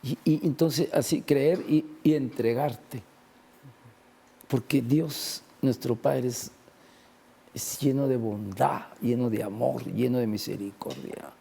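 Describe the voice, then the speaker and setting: A man's voice: mid-range voice, slow pace, creaky, dark tone, slightly rough. A man in a conversational religious talk, discussing faith and healing and retelling gospel scenes with acted-out quotes.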